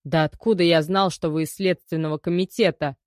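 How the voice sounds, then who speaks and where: A woman reading the part of a defensive male ex-convict under questioning, loud and grumbling. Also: lowish voice, steady tone, a little fast, no echo, clean studio sound, close to an everyday voice. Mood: defiant protest.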